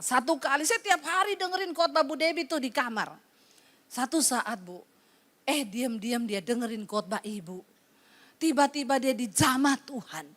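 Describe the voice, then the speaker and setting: A woman pastor preaching a lively sermon to a congregation, joking with them and retelling conversations. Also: fairly high pitch.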